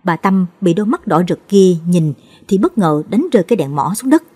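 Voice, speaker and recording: A woman narrates a ghost story in a low, slightly husky voice. Her pitch moves a lot as she tells it. She shifts her pitch to voice each character's lines. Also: lively intonation, fairly quick, dark tone.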